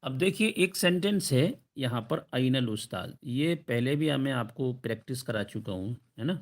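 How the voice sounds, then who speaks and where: Patient man teaching Arabic lessons. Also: mid-range voice. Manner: patient, repeats "ٹھیک ہے؟" checks and slow drawn-out example phrases. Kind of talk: recorded online lesson.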